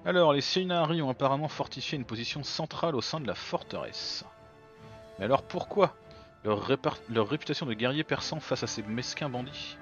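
A man's voice: medium pitch, a little fast, a bit bright, dull audio, pitched above the performer's own voice, natural voice. A man reading the lines of a proud male duke leading his army aloud, in a mock German accent, over faint game music. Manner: reads game dialogue aloud in a put-on accent.

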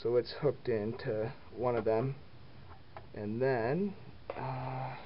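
The audio comes from a handheld camera mic, dull and lo-fi with a faint hiss, held by a man off screen. In a casual walkthrough of his basement phone wiring, he speaks slowly in a steady, mid-pitched voice, plain and easygoing, with many ums and uhs.

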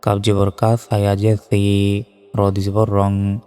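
A man teaching prayer pronunciation, spelling words out letter by letter and drawing the recitations out slowly. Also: fairly low pitch, monotone, mellow, smooth, big-room sound, faint music behind. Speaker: religious teacher. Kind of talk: instructional lesson on prayer pronunciation.

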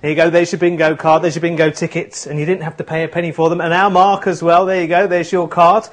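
A man's voice: a little high, little pitch movement, fast. A British man in his thirties presenting an upbeat sales demonstration in an enthusiastic, chatty way. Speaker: shopping channel presenter. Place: small indoor studio set.

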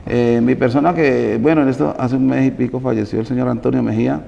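A man, a guest chatting in an interview, halting and often repeating words as he restarts. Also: medium pitch, fairly even intonation, creaky, mellow. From Colombia. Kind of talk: casual interview chat. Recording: reverberant, dull lo-fi sound.

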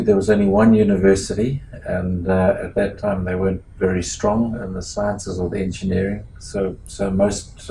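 An older man from Zimbabwe, sitting in an office for an oral history interview, speaking in a measured, halting way with many pauses and restarts. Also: sits low, mellow, slight background noise, rough recording. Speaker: interviewee, metallurgist. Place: small office meeting room indoors.

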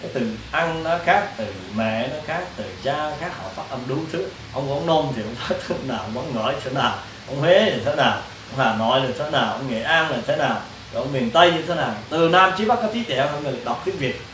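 A Buddhist monk gives a casual dharma lecture to monastic students, rambling, repeating himself, and often putting questions straight to them. His slightly bright voice is on the high side, lively, fast, and nearly pause-free; the distant mic picks up a roomy sound with faint hiss.

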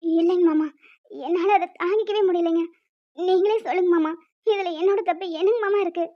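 In a cartoon, a woman plays a gentle young wife who pleads sorrowfully and tearfully as she pours out her hurt. Her voice is very high and fairly quick, and the recording sounds muffled.

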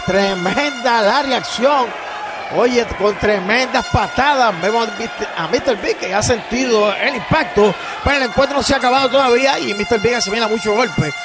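A man with a Puerto Rican accent giving partisan wrestling commentary, emphatic, with drawn-out, repeated exclamations. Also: extremely high pitch. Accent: Puerto Rican Spanish. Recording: noisy arena with crowd behind. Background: crowd noise.

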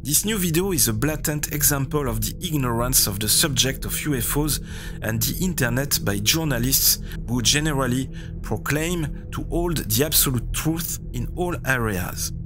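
French-accented man with a higher-pitched voice over music. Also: animated, moderate pace. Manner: critical, sardonic. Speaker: host of a UFO video channel. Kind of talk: scripted commentary rebutting a TV show. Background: background music.

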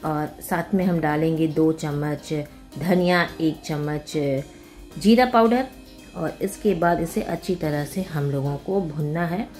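A woman with an Indian accent hosts a cooking segment, walking through a recipe step by step in a casual way and mixing English words and phrases into her speech. Her voice sits fairly low with a darkish tone. Music plays behind her.

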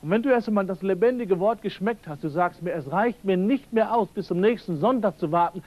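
High-voiced preacher on old tape. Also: male voice, brisk, lo-fi sound. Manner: emphatic, repeats key phrases, addresses listeners directly. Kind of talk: sermon. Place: church seminar hall. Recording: old radio-quality seminar tape.

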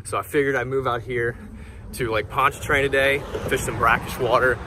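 A young man, fishing from a windy shoreline and talking excitedly to viewers through an action camera. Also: medium pitch, brisk. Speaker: fishing vlogger. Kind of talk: casual vlog narration. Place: outdoors on a windy shoreline by a bridge. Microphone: action camera on body and selfie camera.

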